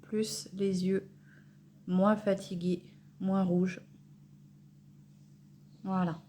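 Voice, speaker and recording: A woman's medium-pitched, mellow voice moves very slowly with little pitch movement as she chats through a makeup tutorial, some slight background noise present. She's natural and unpretentious as a beauty vlogger, but hesitant, stammering and correcting herself step by step.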